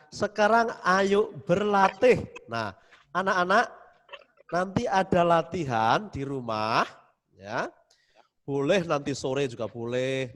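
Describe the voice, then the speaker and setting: Slow, patient male teacher in a reverberant room. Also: medium pitch, a bit bright. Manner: patient, soothing, repeats "ya" often. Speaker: religion teacher. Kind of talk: online class dictation to young pupils. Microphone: video call. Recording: roomy, long reverb.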